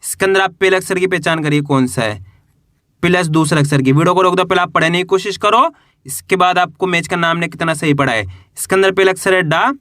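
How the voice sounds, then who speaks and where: Patient high-voiced male reading teacher. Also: a bit bright, no echo, studio quality. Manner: patient and repetitive, asks questions then answers them, stretches example syllables. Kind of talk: Hindi reading lesson for beginners.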